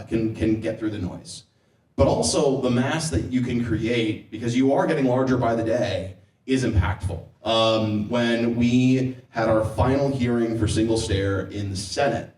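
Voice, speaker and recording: A man who is a state legislator speaking at a panel, telling stories at a measured pace with pauses. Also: mid-range voice, a little mellow. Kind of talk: conversational panel discussion. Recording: echoey room, mic heard from a distance.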